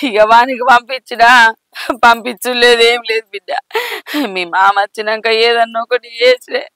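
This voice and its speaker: A woman's voice: a little high, steady tone, moderate pace, fairly bright tone, dry recording, natural voice, poor audio. A woman with a Telangana accent acting a grieving middle-aged village mother who sobs, laments and heaps curses. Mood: weary grief. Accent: Telangana Telugu. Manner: sobbing, lamenting, heaping curses. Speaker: actor in a village skit.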